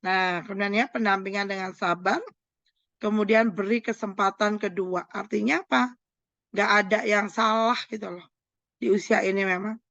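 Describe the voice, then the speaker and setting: A woman doctor giving an online parenting seminar, lively and often acting out what parents say to children. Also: medium pitch, moderate pace, creaky, no room sound, highs cut off.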